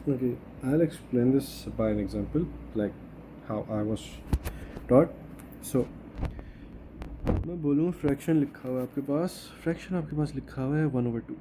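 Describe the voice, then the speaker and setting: A man's voice: medium pitch, mellow. A man teaching a math lesson, explaining step by step and often checking with his students. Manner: mixes Hindi and English, checks understanding with "okay?". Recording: faint background noise.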